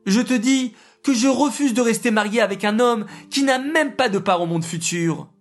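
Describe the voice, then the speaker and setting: A storyteller voicing a merchant's wife, an insistent, indignant woman, in a high, demanding tone. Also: lively intonation, a little slow, soft background music. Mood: outraged.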